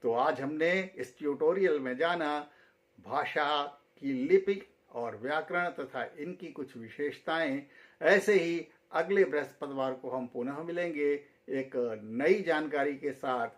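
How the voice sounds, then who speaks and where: A man teaching a grammar tutorial in a slow, measured way, each phrase rising and then sinking at its end. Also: on the high side. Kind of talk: tutorial lecture.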